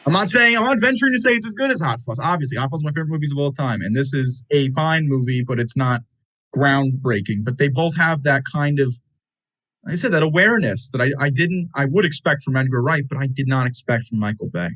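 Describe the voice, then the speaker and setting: A man's voice: medium pitch, expressive, fast, a bit bright, no echo, rough recording. A young man co-hosting a casual movie podcast, opinionated and rambling, restarting his sentences. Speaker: podcast co-host.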